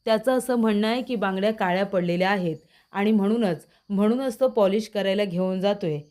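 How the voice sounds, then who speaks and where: A woman's voice: mid-range voice, a little fast, darkish tone, lightly acted. A woman voicing a worried, loving older mother who coaxes and frets over her son. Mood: worried, doting. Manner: coaxing, fretful.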